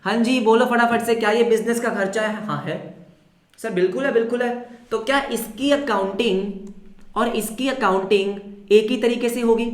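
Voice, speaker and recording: A male accounting teacher giving a lively online class, mixing English terms into Hindi and quizzing students, then answering for them. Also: very high-pitched, moderate pace. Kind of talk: live online class lecture. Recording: roomy echo.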